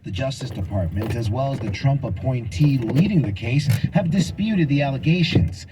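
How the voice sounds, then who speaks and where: A man's voice: mid-range voice, lively intonation, moderate pace. A man reading a scripted news report as a reporter. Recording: very loud background noise.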